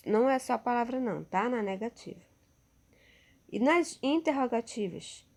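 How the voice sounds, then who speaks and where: Woman teacher, Brazilian Portuguese accent, slow and patient delivery, recorded class. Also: mid-range voice, a little mellow. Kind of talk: remote class lesson over slides.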